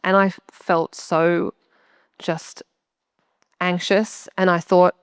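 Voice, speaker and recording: A woman's voice: lowish voice, little pitch movement, extremely slow, smooth, dry recording, clean studio sound. A young woman sharing a heartfelt testimony in a church interview, chatty and earnest. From Australia. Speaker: church member interviewed on stage.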